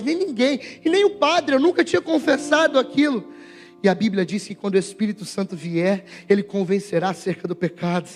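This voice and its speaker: Young Brazilian male preacher, high voice, testimony sermon over faint music. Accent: Brazilian Portuguese. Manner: emotional storytelling, addressing the church directly.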